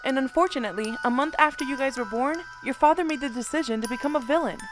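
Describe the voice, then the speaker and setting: A woman voicing a protective mother who gently explains things to her children. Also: sits high, fast talker, music in the background, close to an everyday voice. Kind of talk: fan voice acting for an animated game movie.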